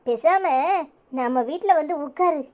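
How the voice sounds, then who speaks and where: A woman's voice: high-pitched, animated, a little slow, darkish tone. A woman voicing a weary, sympathetic village mother in a cartoon, lamenting in a Tirunelveli Tamil accent. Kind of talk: cartoon voice acting.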